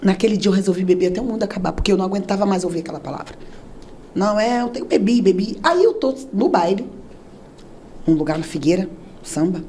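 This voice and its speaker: A woman telling a church testimony with animated storytelling, acting out the voices of the people and prayers she quotes. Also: mid-range voice, quick pace, slight background noise. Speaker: testimony speaker.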